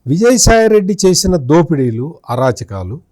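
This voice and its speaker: A senior journalist, male, delivers accusatory political commentary during an interview, hurling rhetorical questions at a politician who isn't present. His voice is fairly high with big pitch swings, a darkish tone and normal speed, captured in a dry, studio-quality recording.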